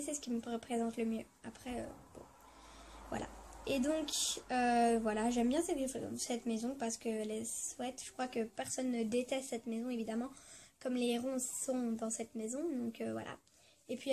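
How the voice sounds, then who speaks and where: A woman vlogger chats to her viewers in a casual storytelling vlog. Her voice sits a little high and has a soft, mellow tone. She sounds eager but hesitant, filling her sentences with fillers and restarts. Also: slight background noise. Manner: chatty and enthusiastic.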